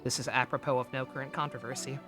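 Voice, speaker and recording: With a very deep, steady voice and a quick delivery, a woman rambles and stammers through candid, casual commentary while live streaming a game, swearing frequently. Game music sits behind her voice.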